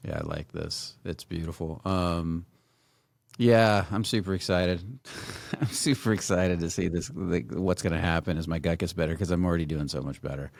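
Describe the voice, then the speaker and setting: Brief: middle-aged male host, rambling and excited, dry close recording. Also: low-pitched, moderate pace, vocal fry, no echo. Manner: enthusiastic, rambling, many fillers. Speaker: podcast host. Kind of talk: casual interview chat.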